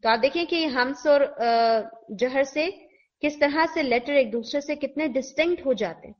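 A woman teacher, giving a recorded pronunciation lesson, patiently demonstrating sounds and repeating examples slowly. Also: high-pitched. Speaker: tajweed teacher. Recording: dull lo-fi recording.

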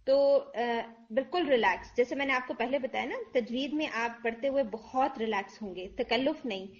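With the high frequencies cut off, the recording captures a woman's slightly high voice patiently explaining tajweed in Urdu mixed with English. This online lesson has her demonstrating letter sounds out loud.

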